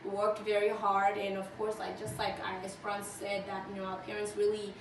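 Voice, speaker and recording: A woman's voice: mid-range voice, fairly quick, a little hiss or hum. Earnest young woman, distant echoey mic. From Tanzania. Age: 20s. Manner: earnest, steady, many fillers. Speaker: interviewee. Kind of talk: casual interview answers.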